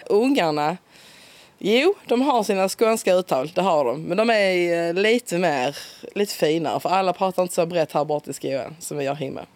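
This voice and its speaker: A woman with a broad Scanian accent chatting in a relaxed interview, talkative and quick to laugh. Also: on the low side, no room sound. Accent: broad Scanian Swedish. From Skåne, southern Sweden. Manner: chatty, laughs often, lively. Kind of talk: casual conversational interview.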